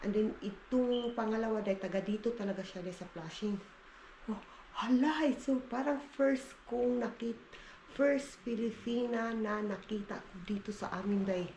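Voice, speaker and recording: A woman's voice: fairly high pitch, normal speed, a little mellow, reverberant, a little hiss or hum. A Filipino woman with a Visayan accent, chatting casually to her viewers in a home vlog, her nose a little stuffy from the cold. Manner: chatty, addresses viewers as "inday", switches between Tagalog, Bisaya and English. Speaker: vlogger mother. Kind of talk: casual family vlog talk.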